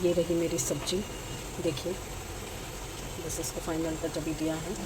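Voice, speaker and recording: A woman's voice: sits low, flat delivery, unhurried. A middle-aged woman casually vlogging at home, chatting as she works through her chores and cooks in her kitchen. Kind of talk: casual home vlog narration. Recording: frying sizzle and household noise behind.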